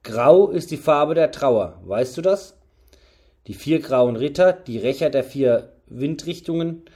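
Man reading gruff bearded knight, brusque, impatient, rough demanding tone, audiobook. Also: on the high side, animated, a little slow, warm tone, exaggerated voice. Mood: stern.

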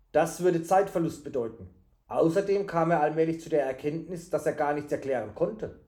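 A man reads a children's adventure story aloud at an even, calm pace. He sounds patient and adds small explanations. His voice sits slightly high for a man. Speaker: reader reading a story to a child. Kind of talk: reading a children's book aloud.

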